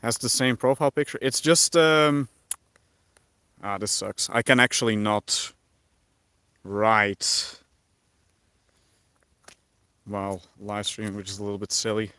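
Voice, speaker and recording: A fairly low, clear, resonant voice belongs to this Dutch livestreamer, whose accent is light. Unhurried and prone to long pauses, he reads viewers' messages aloud and muses over them, all in a dry recording.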